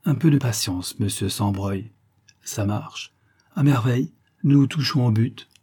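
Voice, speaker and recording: A man reading aloud voices a calm, deferential assistant who answers quietly and reassuringly. The voice sits a touch lower and softer, mellow and husky. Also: a little slow. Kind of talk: audiobook reading of a novel.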